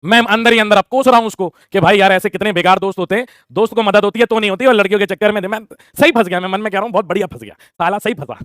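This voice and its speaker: A young man telling a school story in a casual, animated way, acting out the voices of teachers and classmates. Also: high voice, racing, few pauses, clean tone, no echo, clean studio sound.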